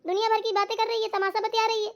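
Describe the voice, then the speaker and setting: A woman voicing a bossy, scolding old mother-in-law in a cartoon, with a Bundelkhandi accent and a shrill, nagging voice. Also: flat delivery, very fast. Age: older. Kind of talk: cartoon voice acting.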